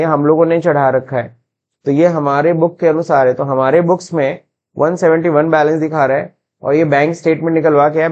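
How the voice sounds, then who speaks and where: Indian-accented male tutor, fairly high voice, dull lo-fi screen recording, quizzes the class and answers himself. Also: darkish tone. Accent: Indian English. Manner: mixes Hindi and English, asks and answers his own questions. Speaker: accounting software teacher.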